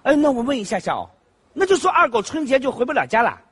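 An actor playing a nosy train passenger in a stage comedy sketch who keeps asking one question after another. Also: male voice, very high voice, very animated, fast talker, husky, exaggerated voice. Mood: curious. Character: nosy, overly curious male train passenger.

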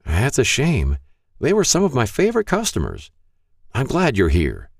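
A man voicing a frail, kindly old male shopkeeper who turns out to be a ghost, talking in a gentle, folksy way. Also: medium pitch, wildly swooping pitch, normal speed, vocal fry, dry recording, clean studio sound, voice pushed up, exaggerated voice.

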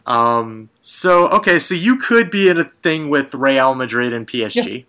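A man's voice: medium pitch, expressive, pushed and bright, clear, resonant tone. A man hosting a sports podcast in casual chat, talking in an enthusiastic, rambling way with frequent restarts. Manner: rambling, enthusiastic, quick to laugh. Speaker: podcast host.

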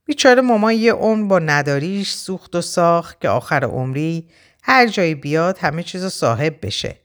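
A woman's voice: lowish voice, expressive, close to an everyday voice. A woman reading as a bitter young man. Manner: resentful, complaining. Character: young man, bitter and aggrieved about his father.

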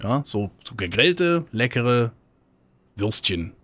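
An animated man on a podcast, talking in a loose, rambling, colloquial way. His pitch sits in the middle range. The recording is dry and close. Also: takes it slowly, dry recording. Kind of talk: casual chat, storytelling.

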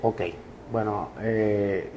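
A Cuban man in his fifties with a Cuban Spanish accent, a musician guest telling his life story in a relaxed way, with many fillers. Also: fairly low pitch, very slow. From Cuba.

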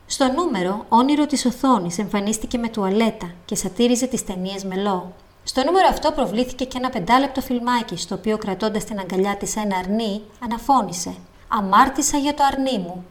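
A woman reading a documentary narration in a measured, even way. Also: on the high side. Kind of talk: scripted narration.

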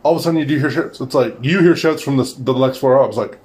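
A man's voice: medium pitch, quick pace, a little mellow. A man casually narrating a tabletop game as its game master.

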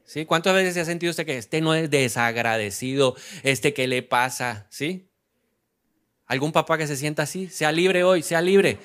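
Brief: male pastor, slightly high voice, preaching with questions to the congregation, sudden loud bursts when quoting. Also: normal speed, clean tone. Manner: asks the congregation questions and answers them himself; acts out quoted lines with sudden loud outbursts. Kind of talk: sermon.

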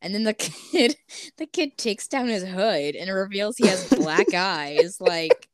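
A woman co-hosting a casual chat, animated, filling her talk with "like" and acting out little quotes. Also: medium pitch, slow pace, no room sound, clean studio sound. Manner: animated, says "like" a lot, acts out quotes. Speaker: podcast co-host.

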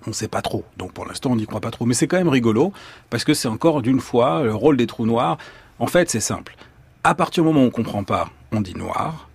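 Husky, playful male scientist guest. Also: medium pitch, animated, a little fast, no echo. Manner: playful, storytelling, many filler restarts. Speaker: astrophysicist guest, author. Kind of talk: radio talk show discussion. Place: radio studio.

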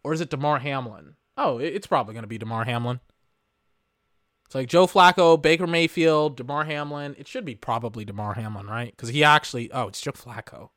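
A man's voice: mid-range voice, brisk, fairly bright tone, no echo, studio quality. A man hosting a podcast, reacting live to an awards broadcast in casual, rambling commentary, often exasperated and swearing. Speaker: podcast host.

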